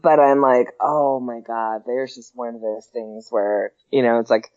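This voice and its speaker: A man's voice: medium pitch, steady tone, normal speed, a little mellow. A man co-hosting a podcast in casual sports banter. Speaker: podcast co-host. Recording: dull lo-fi podcast audio.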